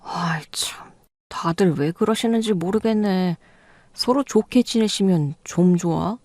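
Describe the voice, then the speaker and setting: A woman's voice: fairly low pitch, measured pace, a little mellow, no room sound. Radio-drama husband, clueless and defensive , done by a woman; dry close sound. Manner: defensive, pleading.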